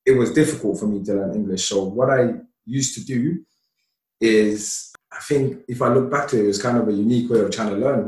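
Man, low voice, easygoing storytelling with laughs, echoey room, mic set back. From Somalia. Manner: relaxed, laughs often, many "you know" fillers. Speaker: podcast guest. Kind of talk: casual storytelling. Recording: roomy, distant mic.

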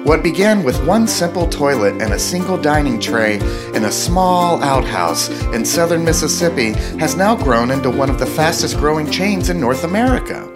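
A man's voice: a little high, expressive, normal speed, hardly any pauses, close to an everyday voice. A man doing a slick, salesy commercial announcer over music. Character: upbeat male restaurant commercial announcer. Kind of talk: parody radio ad read. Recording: music bed behind.

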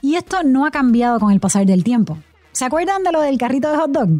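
A woman's voice: high voice, lively intonation, fast, warm tone, no room sound, soft background music. Puerto Rican woman narrating a podcast. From Puerto Rico. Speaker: podcast host and journalist. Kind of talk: scripted narration and interview.

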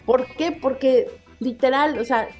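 High-voiced Mexican woman ranting emphatically. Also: unhurried, a little mellow, faint music behind. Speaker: podcast co-host. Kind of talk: heated podcast commentary.

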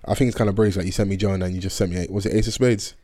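A man's voice: deep voice, steady tone, racing, warm tone. A man with a London accent chatting casually as a podcast host, in slang-heavy roadman street talk. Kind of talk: casual chat.

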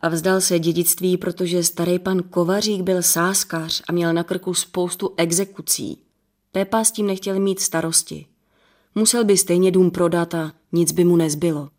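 A woman's voice: lowish voice, steady tone, a little mellow, lightly acted. A woman reading the part of a stocky, apologetic village man in his sixties, explaining himself earnestly in an audiobook.

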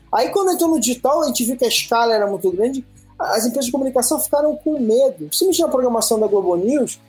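A woman with a Brazilian Portuguese accent, a podcast panelist talking in an animated, emphatic way and often tagging questions onto her sentences. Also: on the high side. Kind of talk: casual podcast discussion.

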